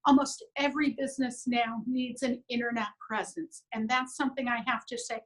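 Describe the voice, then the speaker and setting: A middle-aged business owner joins a casual interview over a video call, her voice a little high and brisk. Upbeat and earnest, she often acts out what other people said, quoting them in lively voices.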